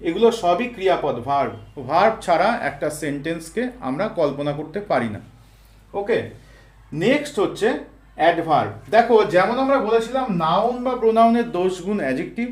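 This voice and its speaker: A man teaching English grammar, explaining each point step by step with everyday examples and talking straight to his students. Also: high voice. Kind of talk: explanatory lesson. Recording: echoey room.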